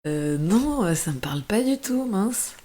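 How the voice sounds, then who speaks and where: A woman taking part in a quiz during a casual chat, animated and quick to exclaim. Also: medium pitch. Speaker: quiz guest.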